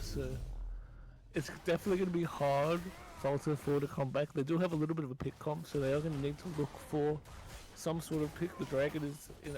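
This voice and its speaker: Man, esports caster, play-by-play, fast excited calls, slightly high voice, from a home room. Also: slight background noise, low-quality recording. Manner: rapid, rising excitement during fights. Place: his own room.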